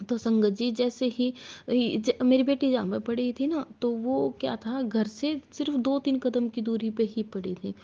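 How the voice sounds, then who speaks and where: A woman's voice: on the high side, fairly even intonation, measured pace, vocal fry, dark tone. A woman, likely in her thirties, telling a personal devotional testimony to a congregation, hesitant with frequent restarts. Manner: hesitant, restarts often, addresses listeners as sangat ji. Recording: dull lo-fi recording.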